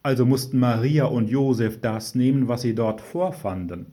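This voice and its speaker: A man's voice: medium pitch, moderate pace, mellow, lightly acted. A man voicing a patient mother who explains the nativity story to unruly children. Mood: explaining. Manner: patient explaining, tired sighs.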